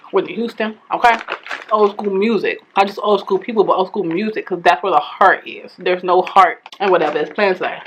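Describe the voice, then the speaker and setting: A woman's voice: mid-range voice, a little hiss or hum. Blunt, outspoken woman vlogger. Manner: blunt, outspoken, swears freely; eating while talking. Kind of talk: casual opinionated chat. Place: home in Minnesota.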